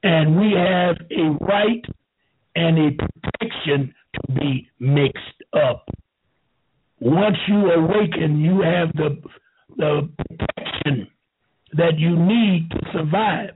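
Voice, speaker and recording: A man in his seventies telling a rambling story slowly, with halting restarts. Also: a little high, a little hiss or hum. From United States. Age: 70s. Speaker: show host. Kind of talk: rambling talk. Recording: tinny phone-like line.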